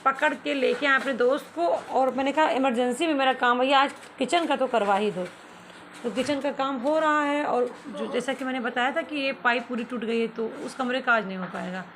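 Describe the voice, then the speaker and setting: A woman's voice: high voice, normal speed, a bit bright, slight background noise. A woman vlogging from her home under renovation, ranting with indignation and laughing as she tells her story. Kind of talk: casual vlog talk.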